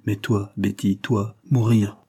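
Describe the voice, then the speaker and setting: A man's voice: lowish voice, flat delivery, takes it slowly, dark tone, breathy edge, full character voice. A man voicing a young nobleman who speaks tenderly and laments. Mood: lamenting.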